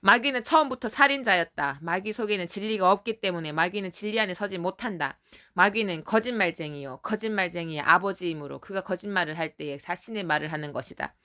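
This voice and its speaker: A woman's voice: fairly low pitch, fast, bright, forceful tone. A woman voicing a stern, solemn man who rebukes a crowd in a storybook retelling, firm and declaiming.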